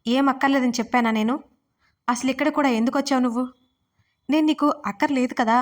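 Storybook wife, young woman, crying and shouting in hurt anger, played by the narrator. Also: a little high, fairly quick, close to an everyday voice. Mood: angry. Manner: shouting, tearful.

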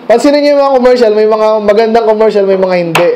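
A man with a Filipino accent preaches a midweek Bible study sermon in a loose, conversational way, mixing in English phrases and rhetorical questions. His voice sits high, with a soft, mellow tone. A faint background hum runs under him. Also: animated, fast talker, poor audio. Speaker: pastor. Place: church meeting room.

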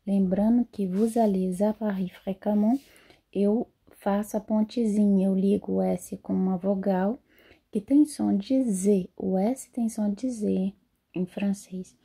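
A woman teaching French in a slow lesson, repeating model sentences carefully. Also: mid-range voice, steady tone, vocal fry, mellow, slightly rough. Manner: repeats phrases slowly and carefully. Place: lives in Europe.

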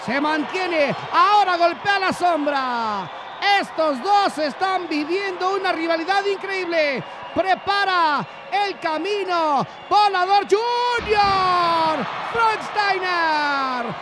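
High-pitched Mexican wrestling commentator man. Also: slow. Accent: Mexican Spanish. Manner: dramatic, emphatic calls. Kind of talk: excited lucha libre commentary. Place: large indoor wrestling arena. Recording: loud arena crowd noise behind.

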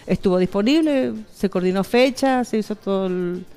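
A woman's voice: mid-range voice, moderate pace, mellow, smooth. A woman in her fifties with an Argentine accent, a fair organizer chatting in a TV studio interview on a headset mic, affirming and repeating phrases. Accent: Argentine Spanish.

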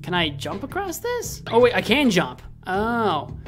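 High-voiced man doing playful game commentary. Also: huge pitch swings, a little slow, fairly bright tone. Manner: jokey, thinks aloud, repeats himself. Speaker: gaming host. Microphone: desk microphone close to the mouth. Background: faint game music.

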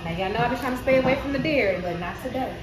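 Woman, thirties, casual travel vlog, expressive slangy chat, very lively pitch, roomy echo. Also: very fast. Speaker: vlogger. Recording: echoey spot with loud music.

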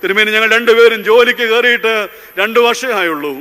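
A priest preaching with fervour in a large hall. His voice is high and very bright, and it stays smooth and clear. A long reverb trails after each repeated, emphatic line. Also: steady tone, fairly quick. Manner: impassioned, repeats lines for emphasis, mixes in English phrases. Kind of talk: sermon.

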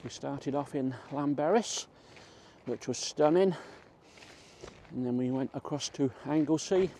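A mellow, medium-pitched voice belongs to a middle-aged man vlogging on a walk through a country park. He keeps a measured pace in this relaxed walk-and-talk chat, with faint outdoor ambience in the background.

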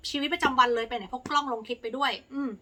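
Bright high-voiced young woman chatting. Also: rapid-fire. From Thailand. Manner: chatty, polite, lots of soft fillers. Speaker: YouTuber answering viewer questions. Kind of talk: casual Q&A vlog.

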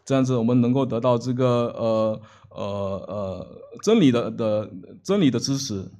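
Seated at the front of a church, a man interprets a sermon phrase by phrase into a table microphone. His dark, mid-range voice moves at normal speed but sounds hesitant, broken by filler sounds and restarts as he searches for the words.

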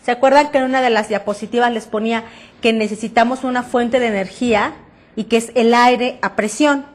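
A woman speaks briskly in a steady, somewhat high voice, with a Mexican Spanish accent. Running a reading-aloud workshop, she gives a patient lesson on breathing and voice projection and keeps checking that everyone understood.

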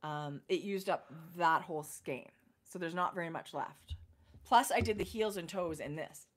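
Woman explaining yarn, lowish voice. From Canada. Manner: detailed, explanatory, with frequent pauses and fillers. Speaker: knitting podcast co-host. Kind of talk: casual chat.

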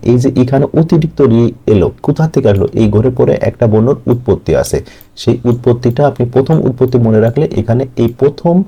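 A man's voice: lowish voice, dark tone, slightly rough. A man teaching a grammar lesson for exam students, explaining step by step and answering his own questions.

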